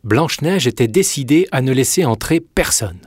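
A man narrating a fairy tale in a measured, expressive reading. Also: mid-range voice, slightly rough, no echo, clean studio sound. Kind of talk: storybook narration.

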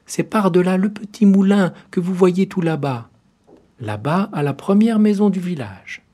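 Man doing a little girl's voice, high and trusting, wide-eyed, storybook. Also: expressive, moderate pace, warm tone. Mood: eager.

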